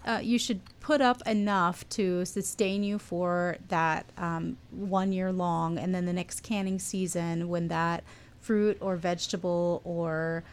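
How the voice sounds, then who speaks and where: A woman's voice: on the low side, steady tone, takes it slowly, smooth. A woman guest on a radio talk show, explaining things patiently with frequent ums. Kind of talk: casual radio interview.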